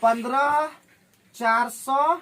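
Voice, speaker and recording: A man teaching a maths class, firing questions at his students and working sums out loud. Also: extremely high pitch, fairly even intonation. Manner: drills students with rapid questions while calculating aloud. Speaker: maths tutor.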